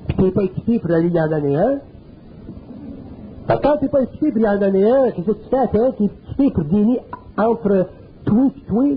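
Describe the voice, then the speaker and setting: A man's voice: high voice, expressive, fairly quick, long pauses, a little hiss or hum. A man with a Quebec French accent gives a spiritual lecture in a colloquial, earthy, emphatic way. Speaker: speaker. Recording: narrow phone-like old tape.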